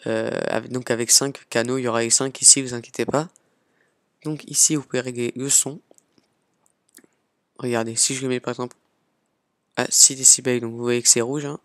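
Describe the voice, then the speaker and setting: Casual man walking through software. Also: mid-range voice, no echo. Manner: chatty, fills pauses with "hop" and "voilà" while clicking. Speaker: software tutorial host. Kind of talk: casual screen-recorded tutorial.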